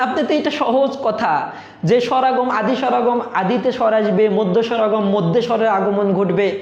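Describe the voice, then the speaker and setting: A man gives an exam-prep grammar lesson in a high voice for a man. He keeps asking the viewers questions and answers them himself. The sound is echoey, as if recorded in a bare room. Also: highs cut off. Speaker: teacher.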